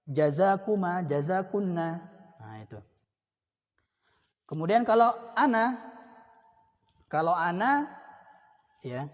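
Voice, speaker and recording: A man with an Indonesian accent teaching an Arabic grammar lesson, repeating each example word slowly. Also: fairly high pitch, a little mellow. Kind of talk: classroom lesson. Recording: dull sound with long reverb.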